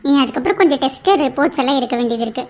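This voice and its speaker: A woman voicing a brisk bossy cartoon doctor. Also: high voice, slight background noise, lightly acted. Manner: commanding, brisk.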